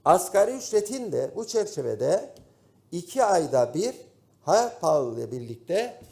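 A man with a Turkish Cypriot accent giving a formal speech to parliament from the rostrum microphone, pausing often with drawn-out fillers. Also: high voice, big pitch swings, gravelly, darkish tone. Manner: formal, addresses colleagues, pauses with drawn-out fillers. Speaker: member of parliament. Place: parliament chamber. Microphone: podium microphone at the parliament rostrum.

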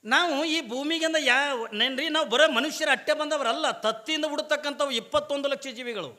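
A man's voice: very high-pitched, fairly quick, bright, forceful tone. A man from Bijapur district with a North Karnataka accent, preaching a sermon and answering his own questions to the crowd. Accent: North Karnataka Kannada. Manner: asks the audience questions and answers them himself. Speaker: religious preacher.

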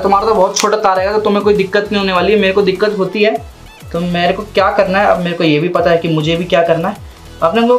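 With a high, fairly bright voice, this young vlogger chats casually through a how-to video. He repeats himself as he works by hand at a desk in a small room.

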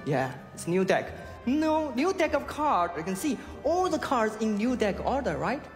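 A man in his thirties, a native Chinese speaker, gives halting showman patter in English as a stage magician. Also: very high voice, sing-song. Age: 30s. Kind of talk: talent show magic performance patter. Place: large theatre stage with audience. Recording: reverberant theatre with crowd and music.

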